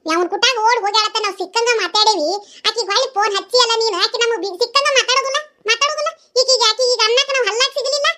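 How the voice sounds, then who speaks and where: A woman's voice: very high voice, sharp tone. A woman voicing a nagging middle-aged mother in a cartoon, scolding and mocking in a North Karnataka Kannada accent.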